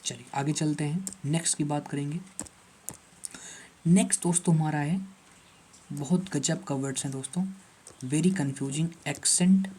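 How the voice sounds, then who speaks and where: A male teacher lectures on vocabulary for exam preparation, going back over each word several times. His voice is mellow and a little husky. He keeps checking in with the class through rhetorical questions. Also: a little high, steady tone, measured pace, pauses often. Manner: repeats words and asks the class rhetorical questions. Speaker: English teacher for exam prep.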